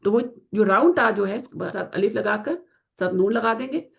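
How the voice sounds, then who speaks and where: A woman teaching Quranic Arabic grammar in an online class, explaining in Urdu mixed with English and slowly drawing out the Arabic example words. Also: mid-range voice, vocal fry. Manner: slow drawn-out pronunciation of Arabic example words, asks students to confirm.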